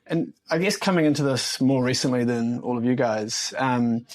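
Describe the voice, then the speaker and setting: A man's voice: mid-range voice, moderate pace, a little mellow. Reflective man thinking aloud. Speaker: journalist guest. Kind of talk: casual roundtable discussion.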